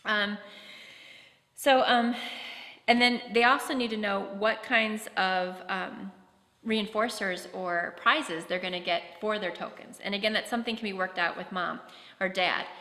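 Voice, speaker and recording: A woman's voice: mid-range voice, fairly even intonation, unhurried, pushed and bright. A woman presenting a practical workshop talk at a conference, explaining with concrete classroom examples. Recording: echoey hall.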